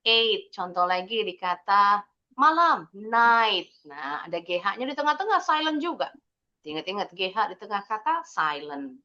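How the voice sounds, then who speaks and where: A woman English teacher with an Indonesian accent, running an online lesson for kids, stretching out model words slowly between her explanations. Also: mid-range voice, big pitch swings, pushed and bright, dull audio. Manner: slow, drawn-out model pronunciations between brisk explanations.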